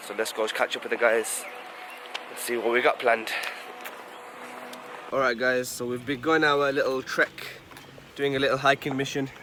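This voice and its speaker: A man vlogging excitedly while hiking through a river canyon, joking with his friends and a little out of breath. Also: mid-range voice. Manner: excitable, joking, increasingly hyped. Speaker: travel vlogger. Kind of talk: casual adventure vlogging. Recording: loud rushing water noise. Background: rushing water.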